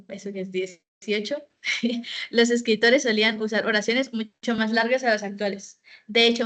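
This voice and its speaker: A woman's voice: a little high, fairly bright tone. A woman giving an online training session, explaining step by step with fillers and self-corrections.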